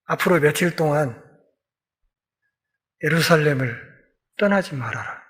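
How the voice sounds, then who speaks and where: A calm teacher, acted by a man preaching, speaks softly in a sermon retelling. He asks quiet, searching questions without raising his voice. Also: high voice, brisk, breathy edge, full character voice. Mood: gentle.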